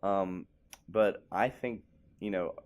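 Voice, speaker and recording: Low-voiced young man in laid-back chat. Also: takes it slowly, a little mellow. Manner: laid-back, rambling, laughs often. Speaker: podcast co-host. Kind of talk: casual chat.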